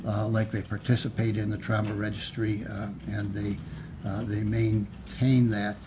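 A man giving formal legislative testimony in a measured, politician-like official manner, halting with frequent pauses. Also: fairly low pitch, flat delivery. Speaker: physician and state health official testifying. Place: indoor legislative committee room. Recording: noisy public hearing room audio.

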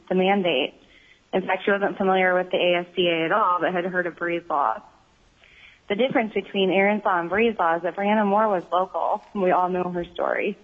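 A woman giving earnest, measured public testimony by phone, with frequent ums, her voice on a crackly line that keeps fading in and out. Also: lowish voice. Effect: crackly phone line that fades in and out. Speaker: member of the public testifying at a hearing. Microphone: phone call-in.

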